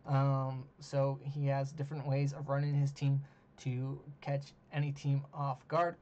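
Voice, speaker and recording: A man hosting a solo monologue, talking casually with many ums and uhs, losing his voice and clearing his throat. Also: medium pitch, monotone, a little slow, mellow. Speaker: host. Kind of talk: solo monologue ranking teams. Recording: dull lo-fi mic with faint hiss.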